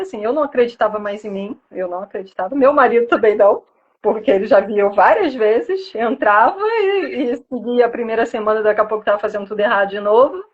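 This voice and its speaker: Brazilian woman, higher husky voice, halting emotional testimony over dull live-stream audio. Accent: Brazilian Portuguese. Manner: halting, repeats words, tearful at times. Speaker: weight-loss client.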